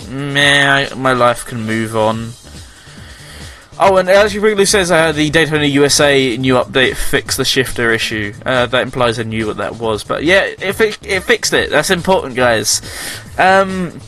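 A man's voice: mid-range voice, pushed and bright. A man hosting a radio show, chatting casually through a news roundup, rambling, correcting himself and joking sarcastically.

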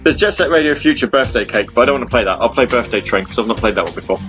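A man's voice: medium pitch, animated, rapid-fire, fairly bright tone, soft background music. Guy in his 30s rambling on his radio show, lots of ums, medium voice. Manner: rambling, chatty, self-interrupting with ums. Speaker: internet radio host. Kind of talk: casual chat.

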